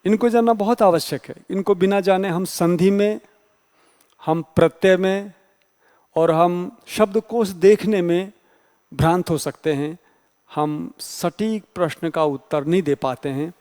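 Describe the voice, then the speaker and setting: Male tutor, high voice, patient explanatory lecture style, reverberant room. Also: steady tone, darkish tone. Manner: explanatory, spells out letters slowly. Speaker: teacher. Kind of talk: exam-prep Hindi grammar lecture.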